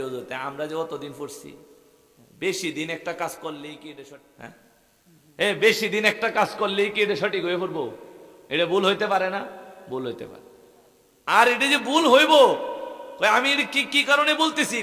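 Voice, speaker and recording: A man's voice: on the high side, pushed and bright. A man with a Bangladeshi accent preaching a waz sermon to a gathering, rhythmic and rousing, calling questions out to the crowd. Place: religious gathering. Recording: echoey open-air mahfil with long reverb.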